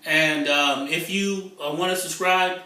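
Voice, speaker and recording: A middle-aged man talking in a casual vlog about online marketing, excitable and rambling, often repeating himself. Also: a little high, measured pace, distant mic. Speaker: internet marketing vlogger. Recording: echoey room, away from the mic.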